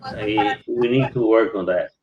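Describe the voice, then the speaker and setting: A man from Nicaragua with a lowish voice talks very slowly and thoughtfully. He pauses often between phrases. His audio sounds muffled and lo-fi. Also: darkish tone, a little hiss or hum. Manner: slow, reflective, with many pauses. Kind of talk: casual chat. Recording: dull lo-fi sound.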